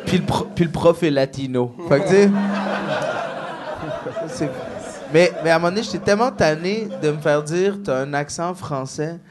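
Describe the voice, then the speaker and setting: Speaking at normal speed with long pauses, a comedian guest with a fairly high voice shares stories on a casual podcast, animatedly acting out quoted voices. French isn't his first language; he learned it as a newcomer and speaks with a Québécois accent. Crowd noise can be heard.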